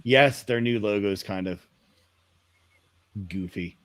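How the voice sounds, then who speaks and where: A man's voice: on the low side, slow, fairly bright tone, no room sound. A man co-hosting a casual car podcast, wry and opinionated, often trailing off. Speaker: podcast co-host.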